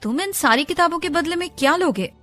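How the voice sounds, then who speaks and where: A woman gives voice to a young heroine in an audio drama who has no patience for haggling. She speaks curtly and firmly in a high voice, with soft music faintly behind. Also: animated, fairly quick. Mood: flat. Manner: curt, firm and impatient. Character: impatient young woman heroine, curt and firm.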